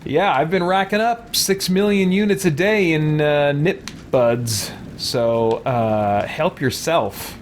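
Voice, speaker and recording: A streamer and let's play host with a fairly high voice talks slowly but with hardly any pauses, giving casual gameplay commentary. He thinks aloud in a rambling, conversational way while reading and answering chat, with slight background noise.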